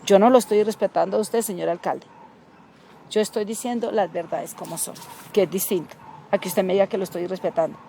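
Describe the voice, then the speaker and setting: A woman's voice: mid-range voice, fairly quick, slight background noise. A middle-aged Colombian woman, a community leader, telling stories in an interview and acting out the dialogue. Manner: animated, acts out quoted dialogue. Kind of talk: interview storytelling.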